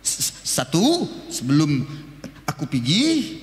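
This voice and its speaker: A humble, earnest salesman stammers through every sentence, stuck on the first syllable of his words, as a preacher puts him on. His voice sits high and swings widely in pitch. Long reverb rings around him in a roomy church hall. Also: wildly swooping pitch, takes it slowly, exaggerated voice. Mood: halting, earnest. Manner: heavy stutter, repeating first syllables. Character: stuttering male book salesman, humble and earnest.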